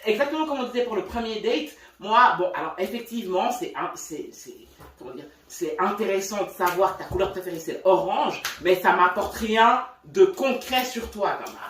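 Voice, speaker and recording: A woman's voice: mid-range voice, lively intonation, normal speed. Woman talking from across a roomy space. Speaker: singer in a vocal group. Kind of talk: casual chat. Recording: roomy, distant from mic.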